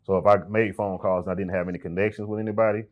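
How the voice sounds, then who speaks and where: Deep fast-talking man. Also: narrow, tinny audio. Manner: relaxed, conversational, acts out voices when telling stories. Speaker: freight broker, podcast guest. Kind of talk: casual interview talk.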